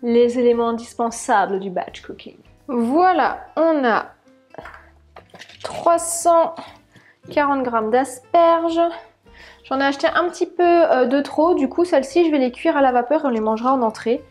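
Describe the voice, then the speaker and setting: A young woman vlogs from her home kitchen, chatting casually and using lots of fillers as she explains each cooking step. Her voice is high and her pace measured, with soft music in the background.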